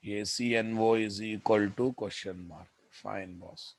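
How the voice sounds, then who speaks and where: A man's voice: lowish voice, steady tone, moderate pace, dry recording. A man with a Telugu Indian accent teaching live coding, dictating code aloud, repeating phrases and addressing his students directly. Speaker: programming instructor.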